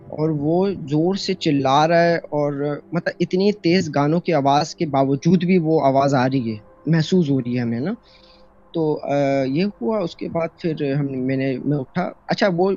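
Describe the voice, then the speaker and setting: A man's voice: fairly high pitch, a little mellow. Rambling man on a dull lo-fi voice note. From Pakistan. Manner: rambling, full of fillers and restarts. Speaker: storyteller sharing a personal encounter. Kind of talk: casual spoken horror story. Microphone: phone voice note. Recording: dull lo-fi voice note, faint music.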